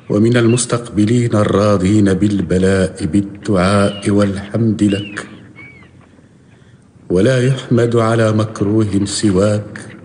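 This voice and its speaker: A man's voice: on the low side, mellow, slight background noise, natural voice. An actor playing a devout, humble solitary holy man in a radio drama, praying solemnly and reverently. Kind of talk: radio drama acting, formal supplication.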